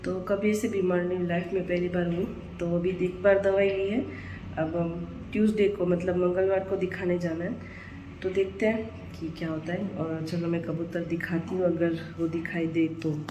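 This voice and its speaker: A woman's voice: lowish voice, a little mellow, slight background noise. A young woman, chatting casually through a home vlog and laughing at herself. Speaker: vlogger. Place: family home, indoors and on a rooftop.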